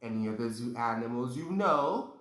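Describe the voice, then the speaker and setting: A woman hosting a first-words lesson, talking as if to a toddler in an encouraging, animated way with simple repeated phrases. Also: a bass voice, normal speed. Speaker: children's teacher and host. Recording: roomy sound under loud music. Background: music with guitar.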